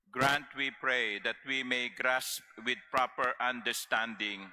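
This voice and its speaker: A man leading Mass as priest, reciting prayers in a measured, formal way at a pulpit microphone in a large cathedral. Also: medium pitch, pushed and bright, poor audio.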